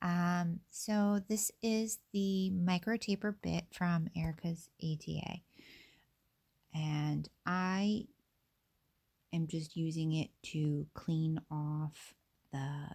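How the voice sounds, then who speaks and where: A young woman talks casually through a nail tutorial, filling it with fillers and asides. Because she feels unwell, her voice is slightly raspy, and it sounds warm and fairly low in pitch.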